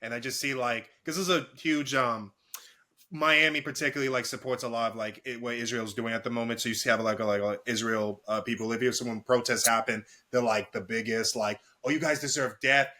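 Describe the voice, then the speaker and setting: A man's voice: medium pitch, fairly even intonation, fairly quick, sharp tone. A man hosting a podcast, chatting loosely with frequent agreeing "yeah"s and casual profanity.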